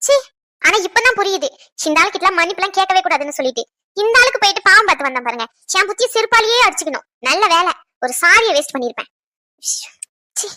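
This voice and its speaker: A sharp-tongued young cartoon woman, voiced by a woman, quick to scold and full of scorn. Her voice is very high and bright, and the delivery races along. The sound is dry and close. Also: animated, no room sound, exaggerated voice. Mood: scornful. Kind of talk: cartoon voice acting.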